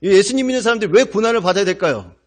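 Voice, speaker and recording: A man preaching a sermon as pastor, asking the congregation question after question in an emphatic, animated way. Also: high-pitched, racing. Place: church sanctuary.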